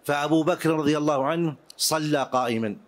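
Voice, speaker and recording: A man teaching Islamic jurisprudence to a class, explaining prayer rules deliberately and repeating key points for his students. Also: fairly high pitch.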